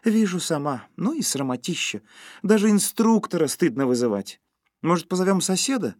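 A man's voice: on the low side, huge pitch swings, breathy edge, dry recording, clean studio sound, full character voice. A man voicing a cheerful, bossy young wife who teases her husband. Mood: brisk cheerful. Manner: teasing, brisk.

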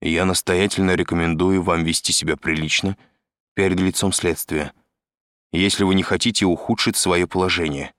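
A man's voice: sits low, steady tone, normal speed, hardly any pauses, fairly bright tone, no room sound. A man reading aloud as a stern male interrogator who asks his questions in a curt, dry manner. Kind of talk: audiobook reading.

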